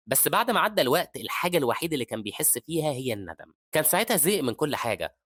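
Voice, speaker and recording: A man's voice: medium pitch, fairly bright tone, no echo, studio quality. A man with an Egyptian Arabic accent narrating a comic story recap, talking to viewers. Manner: rapid storytelling, addresses viewers. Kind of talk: scripted narration.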